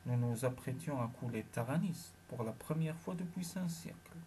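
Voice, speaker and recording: A man narrating a science fiction audiobook in the first person, measured and dramatic. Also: medium pitch, expressive, creaky, warm tone, a little hiss or hum.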